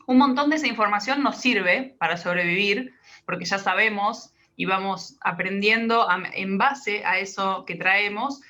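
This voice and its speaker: A woman, a practitioner calmly explaining her method step by step in an interview. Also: mid-range voice. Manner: calm, patient, explains step by step. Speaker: guest, biodecoding practitioner.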